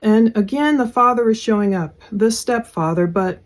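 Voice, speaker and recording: Higher-voiced woman in casual true crime commentary. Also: moderate pace. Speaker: true crime podcast host.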